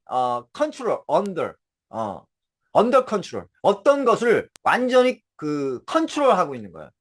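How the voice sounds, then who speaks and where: A man teaching English phrases in a casual spoken lecture, often checking that listeners follow, with a Korean accent. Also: fairly high pitch. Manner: animated, repeats checks with listeners.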